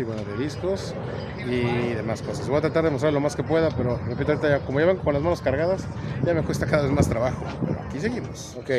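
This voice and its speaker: Heavy background noise surrounds a fairly high-pitched man in his thirties as he vlogs casually at an outdoor swap meet. Walking and chatting, he rambles on and lists the things he sees, recorded by an action camera on his body or in his hand.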